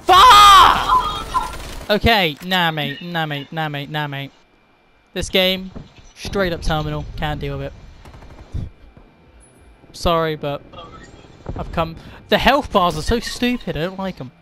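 A young man with a slightly high voice hosts a gaming channel, chatting casually over gameplay while he swears a lot, laughs, and gets loud and excited. He takes it slowly and pauses often. Gunfire from the game sounds behind him, with slight background noise.

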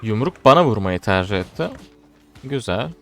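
A man's voice: on the low side, animated, moderate pace, soft background music. Frustrated young man commentating a game. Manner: frustrated, swings from muttering to shouting. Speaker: gaming streamer. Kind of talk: live gameplay commentary.

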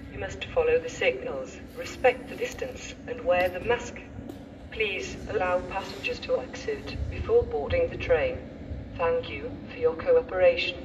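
A woman giving a formal, measured, automated train station announcement over loudspeakers on an outdoor railway platform. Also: on the low side, lo-fi sound. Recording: distant station PA, loud train noise. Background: trains and station ambience.

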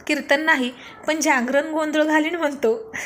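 An easygoing young man who jokes along with his friends, read aloud by a woman. His voice sits fairly high and light in this spoken love story. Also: fairly even intonation, moderate pace, fairly bright tone, slight background noise. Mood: joking. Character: good-natured joking young man friend.

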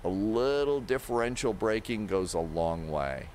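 In his sixties, a man with a lowish voice speaks at a measured pace, giving casual instructional commentary on a flight simulator and talking himself through each step aloud. He's at a close desk microphone in an indoor home streaming setup, with steady simulated cockpit and engine noise behind him.

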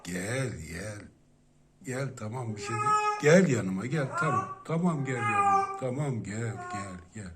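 Man softly coaxing his cats. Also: fairly low pitch, expressive, a little slow, very noisy. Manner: coaxing and soothing, many repeated calls. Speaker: pet owner. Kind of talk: casual talk to pet cats.

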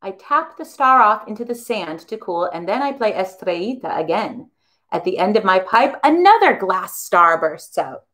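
A woman who teaches a children's music class, reading a storybook aloud in an expressive, animated way. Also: medium pitch, normal speed.

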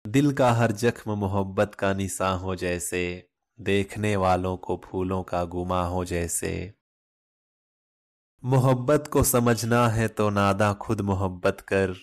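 Slow, deep-voiced man reciting love poetry. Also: steady tone. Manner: slow, measured, solemn delivery. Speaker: channel host and poetry reciter.

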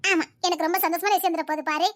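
A woman voicing a gentle, sorrowful young village girl who pleads tearfully. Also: extremely high pitch, fairly even intonation, rapid-fire. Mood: pleading sad.

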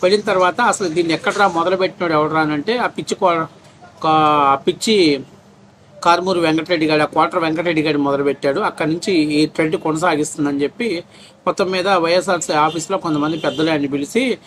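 A man rants about politics at a rapid clip, his voice pitched high. He is scornful and mocking, stacking one rhetorical question on another. Faint ambient hum sits under the recording. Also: fairly even intonation, fairly bright tone. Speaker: political commentator. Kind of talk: heated political rant.

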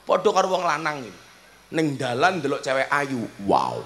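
A man with a Javanese accent preaching a humorous sermon at a village gathering, swinging between loud preaching and soft joking asides. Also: fairly high pitch, normal speed, soft background music. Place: outdoor village event.

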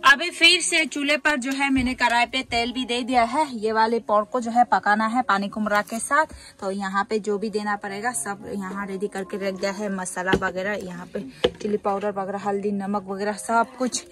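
Filming a laid-back cooking vlog on a handheld device in the kitchen and yard of a rural bamboo home, a young adult woman speaks with a Northeast Indian accent. She talks at normal speed in a mid-range voice with fairly even intonation.

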